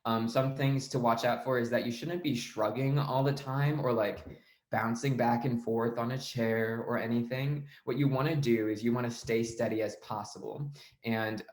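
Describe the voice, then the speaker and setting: A man's voice: mid-range voice, fairly even intonation, moderate pace, a little mellow, reverberant. A young man teaching debate speech delivery in an online lesson, explaining in a casual tone with frequent fillers. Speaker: debate coach.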